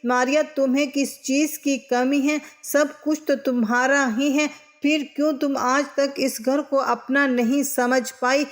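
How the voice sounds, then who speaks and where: A hurt young husband, as a woman narrator voices him in a spoken storybook. He is patient and pleads calmly with his wife. The voice stays high and level, with little rise and fall. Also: natural voice.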